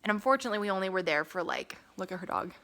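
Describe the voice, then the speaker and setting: A young woman from Las Vegas chatting casually to her camera, full of "like" and "um" and quick laughs. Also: medium pitch, animated, bright, forceful tone. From Las Vegas, USA. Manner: chatty, lots of "like" and "um", laughs often. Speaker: vlogger. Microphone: phone camera.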